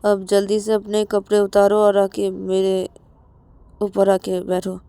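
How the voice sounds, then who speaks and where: A woman's voice: medium pitch, completely flat delivery, dark tone, clear, resonant tone, dry recording, natural voice. A woman voicing a domineering, threatening young male lover who gives harsh orders. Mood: menacing. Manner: harsh, menacing, rapid-fire demands.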